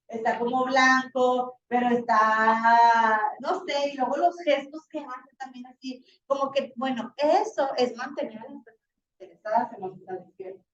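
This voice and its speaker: A woman teacher, slightly hoarse, lecturing a class in a chatty, animated way with many fillers. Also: a little high, moderate pace. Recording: roomy, distant, dull classroom recording.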